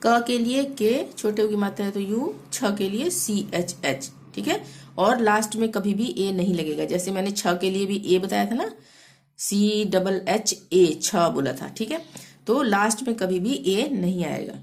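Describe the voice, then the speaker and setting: A woman teaching a language lesson, spelling words letter by letter and repeating phrases slowly and patiently. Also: medium pitch, a little mellow, a little hiss or hum. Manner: repeats "theek hai" to check understanding. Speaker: Hindi teacher.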